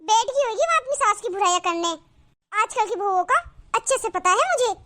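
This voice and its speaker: A woman's voice: very high voice, expressive, fairly quick, pushed and bright, heavily acted. A woman voicing a nagging, suspicious, self-pitying older mother-in-law in a cartoon, scolding and groaning dramatically. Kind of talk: cartoon voice acting.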